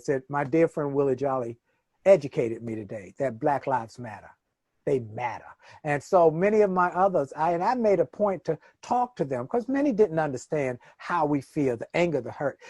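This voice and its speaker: A middle-aged man tells stories in a rolling, preacher-like cadence, leaning hard on stressed words and repeating key phrases. His voice sits a little high for a man. The sound is close and dry. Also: darkish tone, no room sound. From Washington, D.C. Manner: emphatic, preacher-like cadence with dramatic stresses and repetition. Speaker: motivational speaker, interview guest. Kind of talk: conversational interview storytelling.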